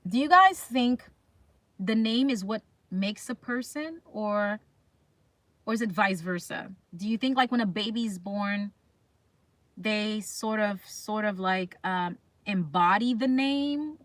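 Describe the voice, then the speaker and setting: In a casual live chat, a female streamer talks right to her audience, chatting away, voicing their comments and asking them things often. Her voice is mid-range, and the recording has no room sound.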